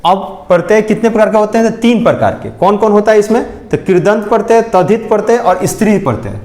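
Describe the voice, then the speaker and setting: Man, teacher, high animated voice, repeats and quizzes students. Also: quick pace, echoey room. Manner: repeats points and asks questions to check understanding. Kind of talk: classroom lecture.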